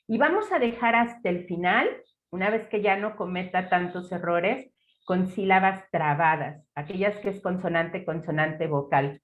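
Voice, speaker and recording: A woman's voice: lowish voice, phone-quality sound. A woman with a Mexican Spanish accent giving an academic talk with slides. She explains methodically, step by step, with example words. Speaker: lecturer.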